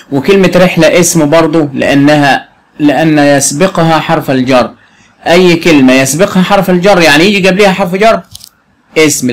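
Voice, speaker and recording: A man with an Egyptian Arabic accent teaching a young pupil, spelling out words slowly and quizzing her as he goes. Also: fairly high pitch. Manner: slow, clearly spelled out words with frequent quiz questions. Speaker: primary school Arabic teacher. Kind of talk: patient classroom explanation to a young pupil.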